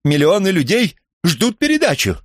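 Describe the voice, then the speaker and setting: A man's voice: big pitch swings, a little fast, breathy edge, no room sound, clean studio sound, heavily acted. A man voicing a panicking, asthmatic male TV presenter who gasps out frantic threats in an audiobook. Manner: shrill, frantic, breathless threats. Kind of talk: audiobook character voice.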